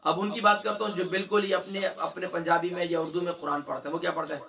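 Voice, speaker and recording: A middle-aged man teaching Quran recitation, explaining and then slowly drawing out letters and syllables for students to copy, chuckling often as he talks. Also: high voice, little pitch movement, vocal fry, sharp tone, far from the mic. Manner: demonstrates sounds slowly, repeating letters with drawn-out recitation. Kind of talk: religious lesson with recitation drills.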